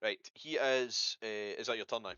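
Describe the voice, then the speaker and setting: A man's voice: on the low side, normal speed, pushed and bright, smooth, no echo, lo-fi sound. A man running a tabletop game, thinking aloud and swearing casually. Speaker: game master.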